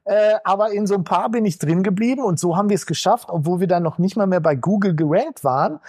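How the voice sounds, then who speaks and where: A man's voice: high-pitched, fast, darkish tone, no echo, studio quality. A man talking casually as an interview guest from his shop, rambling with lots of filler sounds. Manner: rambling, many filler sounds, acts out quoted voices. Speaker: entrepreneur guest.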